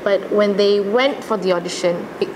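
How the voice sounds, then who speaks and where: A young adult woman with a Malaysian accent speaks at a moderate pace in a mid-range voice. Earnest and chatty, she recalls personal experiences during a casual interview. Background noise and ambience are noticeable in the recording.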